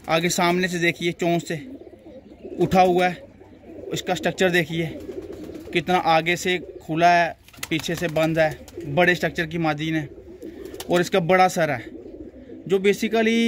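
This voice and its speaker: High-voiced man explaining his pigeons. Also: slight background noise. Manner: patient, explains with examples. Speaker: pigeon keeper showing his loft. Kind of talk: casual explanatory chat.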